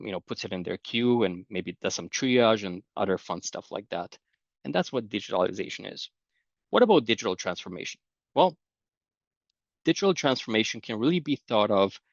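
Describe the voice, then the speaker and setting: In a lo-fi recording without echo, a middle-aged Romanian-accented man with a lowish voice presents at a conference. He explains his ideas conversationally, drawing on everyday anecdotes and laughing lightly as he tells them.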